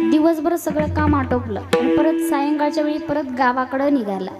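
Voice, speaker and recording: A young woman preaching a devotional kirtan sermon, telling a humorous folk story to the audience. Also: sits high. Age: young adult. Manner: sings devotional verses, then tells a humorous folk story acting out characters' shouts.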